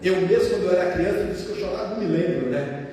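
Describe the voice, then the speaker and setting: A man's voice: sits high, fast talker, dark tone. A male preacher delivering an emphatic sermon, repeating phrases and calling his listeners brothers. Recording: echoey hall, distant mic.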